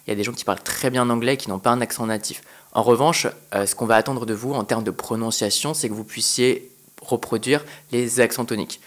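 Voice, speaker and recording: A man on a podcast guest spot, explaining points clearly and fluently like a teacher. His voice sits at an ordinary middle pitch for a man. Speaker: guest, English specialist.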